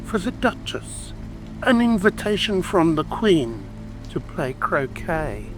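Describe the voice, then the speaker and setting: A man's voice: high voice, big pitch swings, slow, over music, exaggerated voice, low-quality recording. A man playing a solemn, ceremonious fish footman making a formal proclamation in a storybook dramatic reading. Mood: solemn, pompous.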